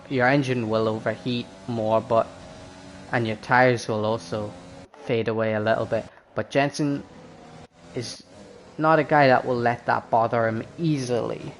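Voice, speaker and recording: A man doing live motorsport race commentary as a commentator, excitable when the action picks up. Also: medium pitch, a little hiss or hum, rough recording.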